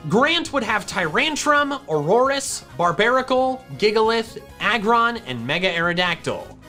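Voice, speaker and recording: A woman's voice: a little high, big pitch swings, measured pace, bright, forceful tone. A woman reading a scripted explainer narration for a video, with music behind her. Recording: music in the background.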